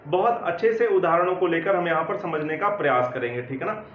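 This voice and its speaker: A man's voice: fairly high pitch, lively intonation, a little fast, roomy sound, muffled recording, a little hiss or hum. A man teaching grammar, explaining step by step and often checking that students follow. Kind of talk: classroom lecture.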